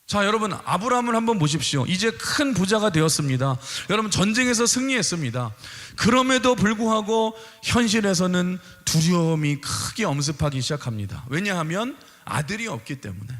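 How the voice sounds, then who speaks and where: Bright high-voiced male pastor preaching. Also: animated, brisk. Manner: emphatic, addresses the congregation. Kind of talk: sermon. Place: church sanctuary. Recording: long church reverb.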